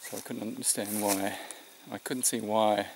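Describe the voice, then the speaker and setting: A middle-aged Australian man, tired and short of breath, speaking off the cuff to camera in a halting, reflective way. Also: lowish voice, steady tone, creaky. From New South Wales, Australia. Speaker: vlogger. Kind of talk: unscripted vlog to camera. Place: outdoors in the mountains. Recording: noisy outdoor recording, rural background sounds.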